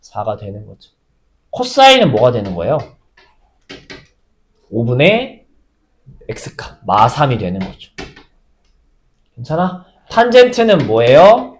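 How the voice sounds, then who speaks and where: A man teaching a high school math lesson, often asking the class questions and then answering them himself. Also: wildly swooping pitch, slow, long pauses, slight background noise.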